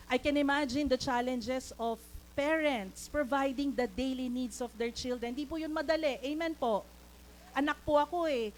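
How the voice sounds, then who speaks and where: A woman's voice: high-pitched, a little hiss or hum, low-quality recording. A woman with a Filipino accent preaching a sermon in church, mixing English into her talk and calling for amens. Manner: mixes English into Tagalog, calls for amens. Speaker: lay preacher.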